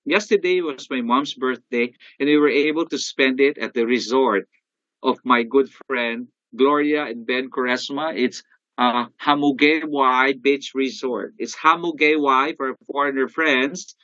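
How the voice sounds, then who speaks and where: An older man with a Filipino accent giving an animated motivational sales talk, often calling out to his audience. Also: mid-range voice, unhurried, no room sound, dull audio. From Philippines. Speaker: sales coach.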